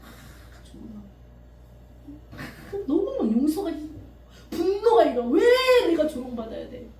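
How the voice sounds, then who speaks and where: A woman pastor preaching a sermon in a church, animated, often laughing and acting out the people she quotes. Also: sits high, a little slow. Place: church sanctuary. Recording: echoey room from far off, faint hiss.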